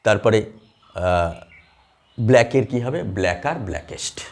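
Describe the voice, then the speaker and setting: Lively male teacher explaining grammar. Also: on the low side, normal speed. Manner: lively explaining with many fillers and questions to students. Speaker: English teacher. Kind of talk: classroom grammar lesson. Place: classroom with a board.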